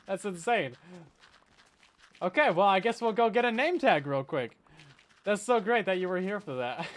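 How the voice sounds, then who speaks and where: A man chatting casually with his live chat while he plays a game, playful and laughing often. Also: high voice. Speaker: game streamer. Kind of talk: casual live-stream gameplay commentary.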